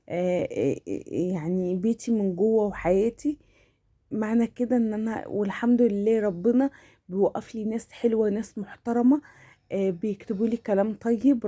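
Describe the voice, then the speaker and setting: Female home vlogger, Egyptian Arabic accent. Soft-edged, mellow tone, chatty and familiar, often restarting phrases mid-thought. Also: medium pitch. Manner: hesitant, repeating and restarting words; familiar, addresses viewers as family. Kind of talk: casual chatty voice-over of household routine.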